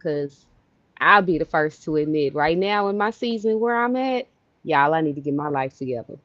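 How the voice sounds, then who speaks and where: A woman's voice: low voice, animated, normal speed, no room sound. Woman host, casual chat, playful, chatty, dull lo-fi sound. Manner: playful, chatty, laughs easily. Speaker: podcast host.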